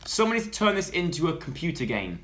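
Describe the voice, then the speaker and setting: A young man co-hosting a jokey news chat, excitable and playful. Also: a little high, fast talker. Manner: excitable, jokey, reads viewer messages. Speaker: co-host. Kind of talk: casual comedic chat.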